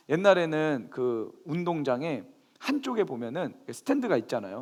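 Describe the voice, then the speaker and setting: A man pastor preaching a sermon, telling a story with lively bursts of raised emphasis. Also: on the high side.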